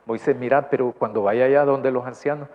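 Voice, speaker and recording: Speaking a little fast with fairly even intonation and medium pitch, a pastor with a Salvadoran accent delivers a conversational sermon. He poses questions to the congregation, often ending with "¿verdad?". The church audio is dull, lo-fi and faintly noisy.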